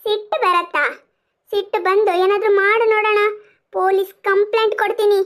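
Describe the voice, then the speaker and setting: A haughty cartoon mother scolds and sneers with open scorn, as a woman plays her. Her voice is very high and sharp-edged. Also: little pitch movement, fairly quick. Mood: scornful.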